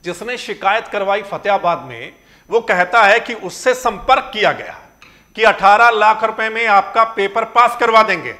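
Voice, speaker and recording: Guy with a tinge doing a news commentary, high bright voice, keeps firing questions. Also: animated, moderate pace. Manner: questioning, emphatic, rhetorical. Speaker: news reporter presenting a report.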